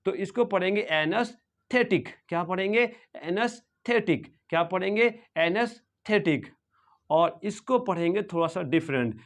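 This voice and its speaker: A man with an Indian accent teaching English pronunciation, spelling words slowly and drilling them with repeated questions and answers. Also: high-pitched, expressive. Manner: slow, deliberate letter-by-letter spelling. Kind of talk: explanatory lesson.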